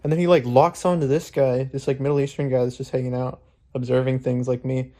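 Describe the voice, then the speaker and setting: A young man from Florida talks casually into a handheld phone, rambling and hedging with many fillers, laughing now and then. His pitch sits in an ordinary middle range for a man. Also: little pitch movement, brisk, dark tone. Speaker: vlogger. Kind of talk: casual vlog talk. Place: outdoors at a street protest, later his room.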